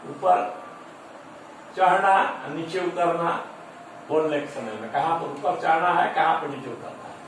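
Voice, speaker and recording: A man giving a classroom lecture, listing points one by one and stressing syllables to show pronunciation. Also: on the high side. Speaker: teacher-training lecturer. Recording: echoey room from far off, faint noise.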